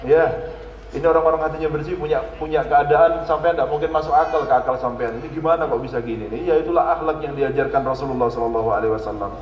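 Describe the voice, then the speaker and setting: Preacher with a Javanese lilt, echoey hall. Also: male voice, on the high side, fast talker, a little hiss or hum. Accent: Javanese-tinged Indonesian. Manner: questions the audience directly and asks for their agreement. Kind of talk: religious sermon. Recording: echoey hall, dull lo-fi sound.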